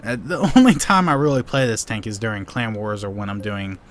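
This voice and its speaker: Crowd noise sits behind this young gaming channel host, Korean by birth, as he answers viewers' questions in a live gameplay Q&A. His fairly low voice moves fairly quickly, rambling with many restarts and "you know"s.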